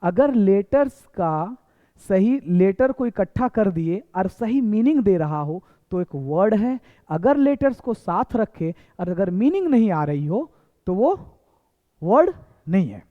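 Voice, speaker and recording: His voice sits high, sing-song and unhurried. In a basic English lesson, the man repeats material and quizzes the class through rhetorical questions, while the recording sounds tinny and phone-like with an echoey hall.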